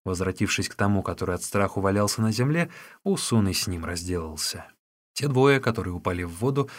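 Мужчина-чтец с живой интонацией. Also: male voice, on the low side. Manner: measured storytelling. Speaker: narrator. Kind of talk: audiobook reading of a classic novel.

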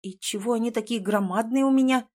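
A woman's voice: a little high, a little fast. Woman narrating a novel expressively. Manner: expressive, dramatic reading. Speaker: audiobook narrator. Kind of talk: first-person novel narration.

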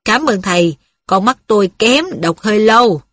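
Here is a woman reading the part of a kindly middle-aged workman, earnest and folksy in his speech. The voice is fairly high, with a husky, breathy edge. It sounds dry and close, like a storybook read-aloud. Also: animated, moderate pace, sharp tone, no echo, exaggerated voice. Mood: reminiscing. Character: kindly aging male worker, plain-spoken.

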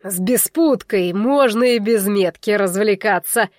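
A woman voicing a spiteful young bull-man who shouts and sneers. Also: on the high side, expressive, slow, no room sound, clean studio sound. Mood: sneering.

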